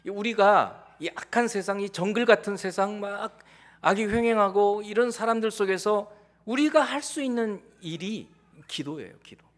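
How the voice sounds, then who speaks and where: A man's voice: high-pitched, normal speed. A male pastor preaching a Sunday sermon, acting out prayers and his listeners' questions as he goes.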